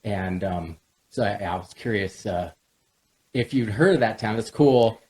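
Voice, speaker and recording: A man's voice: on the low side, measured pace, a little mellow. A man from Southern California hosting a podcast, asking questions and giving frequent short encouraging replies. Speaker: podcast host. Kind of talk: casual interview chat.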